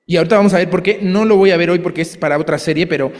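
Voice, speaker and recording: A man preaching a sermon in a lively, chatty way, with asides and acted quotes. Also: high-pitched, very fast, in a large hall. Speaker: pastor.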